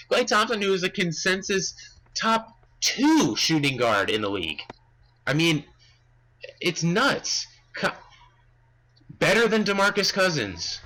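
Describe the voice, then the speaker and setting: A man's voice: a little high, pushed and bright, low-quality recording. A young man co-hosting a sports podcast, ranting emphatically about player stats in casual chat. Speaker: podcast co-host.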